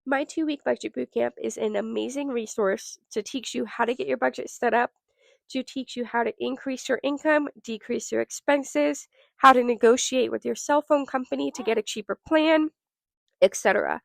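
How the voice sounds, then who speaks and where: A woman's voice: normal speed, creaky, no echo. Nasal-sounding woman hosting a podcast. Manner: upbeat, direct sales pitch to listeners. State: nasal from a cold. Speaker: podcast host. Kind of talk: solo podcast talk.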